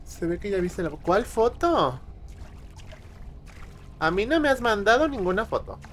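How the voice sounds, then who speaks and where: A man's voice: sits high, very animated, measured pace, a bit bright, a little hiss or hum. A man with a Mexican Spanish accent chatting on a live stream, teasing and dramatic with his viewers. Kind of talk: casual live-stream chat.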